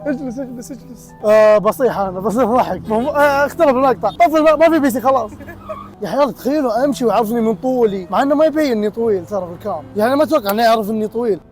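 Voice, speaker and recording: Fast-talking young man. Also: very high voice, animated, faint music behind. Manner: fast, joking, laughs often. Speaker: vlogger host. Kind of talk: excited casual vlog chatter to viewers.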